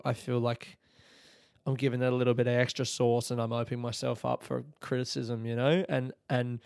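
A man's voice: mid-range voice, creaky, smooth, no room sound, clean studio sound. A young Australian man hosting a casual solo podcast, rambling and swearing with enthusiasm. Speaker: podcast host.

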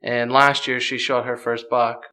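A man's voice: mid-range voice, little pitch movement, measured pace, sharp tone. A man from Pennsylvania, a guest on a podcast, chatting casually and easily with many fillers. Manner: easygoing, many "you know" fillers. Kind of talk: casual chat.

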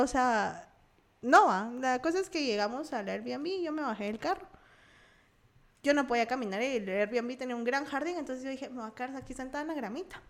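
Lively young woman with a guatemalan accent. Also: a little high. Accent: Guatemalan Spanish. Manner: animated, acts out quoted voices. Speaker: guest. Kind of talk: casual storytelling.

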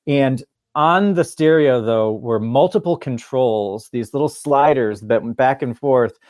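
A man's voice: medium pitch, a little slow, a little mellow, dry recording, clean studio sound. A middle-aged man from Michigan telling a story in a casual interview, chatty and laughing often. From Michigan, USA. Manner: chatty, laughs often, acts out quoted voices. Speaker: guest, therapist and musician.

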